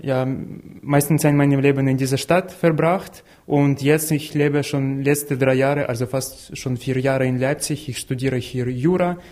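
A man of twenty-two, speaking earnestly and haltingly as an interview guest, with small slips in his grammar. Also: mid-range voice, steady tone, a little mellow. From Ukraine. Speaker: interview guest, law student. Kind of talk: personal interview talk.

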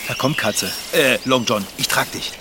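A man's voice: medium pitch, normal speed, noisy background, natural voice. An actor playing a confused man with no memory who stammers and giggles nervously, in a children's radio play. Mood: bewildered. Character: bewildered man with no memory, bike mechanic. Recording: outdoor nature ambience behind.

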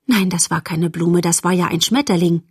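Calm woman narrator for a storybook, husky voice, dry recording. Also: on the low side, normal speed, no room sound. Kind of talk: storybook reading.

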